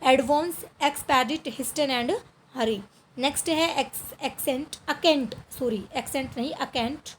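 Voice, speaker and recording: A woman's voice: high voice, a little slow, slight background noise. An Indian woman teaching a vocabulary lesson to children, reading out word lists and talking to her pupils in a patient, repetitive way. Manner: repeats word lists, calls pupils "beta" and "bachche".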